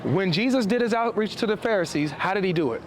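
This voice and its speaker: A man's voice: high voice, animated, quick pace. A man in a heated outdoor debate, insistent, repeating himself and interrupting. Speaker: street preacher debating. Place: outdoors on a busy urban street. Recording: busy outdoor street with traffic, crowd.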